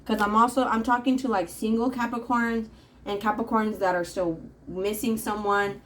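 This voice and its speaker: A woman's voice: mid-range voice, steady tone, moderate pace, rough recording. Chatty woman doing a tarot reading. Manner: chatty, rambling, frequent fillers. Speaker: tarot reader. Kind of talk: casual tarot reading monologue.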